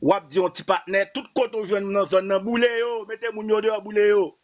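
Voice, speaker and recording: A man's voice: sits high, steady tone, fast, highs cut off. A man calling in to a live stream, pressing the host with pointed questions. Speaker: caller. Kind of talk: heated live call-in debate.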